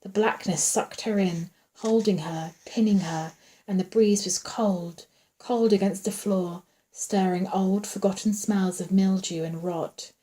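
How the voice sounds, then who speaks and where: A woman reads a horror novel aloud in a hushed, suspenseful voice of middling pitch. She draws out the creepy passages and at times sinks into a whisper. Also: steady tone, a little slow. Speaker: audiobook reader. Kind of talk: dramatic horror novel reading.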